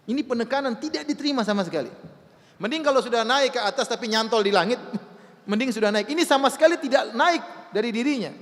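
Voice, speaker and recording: A man's voice: extremely high pitch, fast talker, fairly bright tone, big-room sound. A man giving a sermon to an audience, emphatic, asking rhetorical questions and answering them himself. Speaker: preacher.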